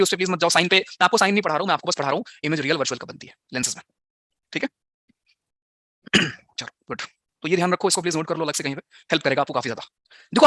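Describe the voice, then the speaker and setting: A man's voice: high voice, sharp tone, no room sound, studio quality. A slightly unwell man teaching a physics class online, firing rhetorical questions at his students and mixing English into his talk.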